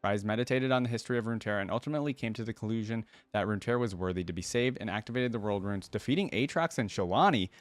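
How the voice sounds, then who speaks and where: Talking rapid-fire with few pauses in a fairly low voice, this reaction-video host reads text out and comments loosely, throwing around "guys" and "dude." The recording is dry.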